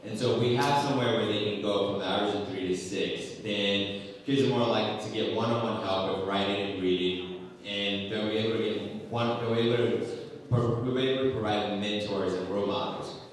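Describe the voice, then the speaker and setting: A young man from Washington DC introducing himself as a candidate at a forum, earnest and halting with fillers. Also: on the low side, steady tone. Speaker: political candidate. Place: community center hall. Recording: echoey hall, from far off.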